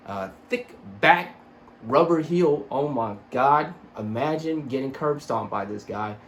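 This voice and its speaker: A man's voice: mid-range voice, animated, a little slow. Sweary young man with braces, noisy recording. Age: young adult. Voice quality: slightly slurred speech from braces. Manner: sweary, self-deprecating, rambling. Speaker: sneaker reviewer. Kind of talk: casual vlog review. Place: small home room with computer desk.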